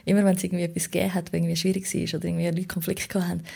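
This Swiss political candidate, a woman, talks as a podcast guest with a Swiss German accent. Her voice is lowish, husky and gravelly with a darkish tone, and her delivery is flat and rapid-fire. Her account is informal, reflective and personal, and she gropes for words as she goes.

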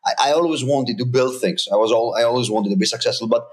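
Quick-paced and mid-range, this man's voice belongs to a Greek-born company founder in his thirties. He's a guest in a casual interview, talking earnestly and with emphasis while often starting sentences over.

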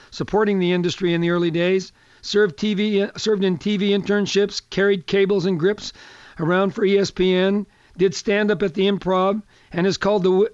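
Hosting a radio talk show, an older man speaks in a fairly high, slightly hoarse voice with a folksy, chatty manner. The recording is dry and close, with no echo and a slightly dull, muffled tone.

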